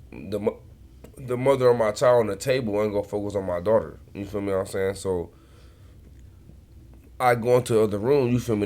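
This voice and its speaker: A man's voice: on the low side, a little mellow. A man with the hiccups, earnestly telling a personal story in casual podcast chat. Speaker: podcast host.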